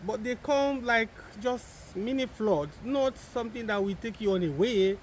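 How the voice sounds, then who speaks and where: Calm man, dad in a family vlog, measured and gently contrary, faint outdoor ambience. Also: sits high, a little hiss or hum, low-quality recording. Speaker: father, co-host. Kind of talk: casual family vlog chat. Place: outdoors in the countryside.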